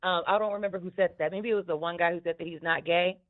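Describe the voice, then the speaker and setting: This woman's smoky voice is fairly low and steady in tone, and she talks quickly in a casual chat about podcasts. She's candid and profane, prone to laughing, and the recording sounds thin and tinny like a phone call.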